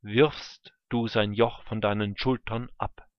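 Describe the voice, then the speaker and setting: A man reading scripture aloud, voicing an old father who speaks solemn blessings in a measured way. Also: on the low side, steady tone, clear, resonant tone, no echo, lo-fi sound.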